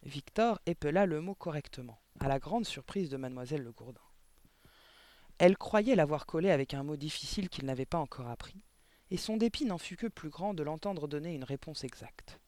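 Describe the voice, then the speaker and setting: Male storybook narrator, expressive, higher pitch, dry booth sound. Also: fairly quick, no echo. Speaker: audiobook reader.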